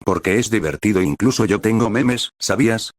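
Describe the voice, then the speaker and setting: A proud demon fighter from a fan story, gruff and grudging, as a man reads him out. The voice is low and dry. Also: normal speed, no room sound, natural voice.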